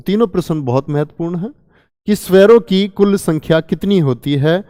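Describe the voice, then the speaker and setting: A male Hindi teacher runs an exam-prep grammar lesson, calling his listeners children and answering the questions he puts to them. His voice sits high and dark at a normal speed, and the dry, studio-quality recording has a long reverb tail.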